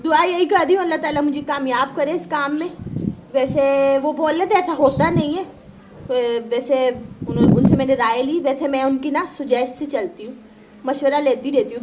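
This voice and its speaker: A high-voiced woman vlogs casually from a village courtyard, talking straight to her viewers. She is chatty and animated, acting out arguments and keeps asking "right?". Faint outdoor ambience sits behind her voice. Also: brisk, noisy background. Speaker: village vlogger. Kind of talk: casual vlog chat to viewers.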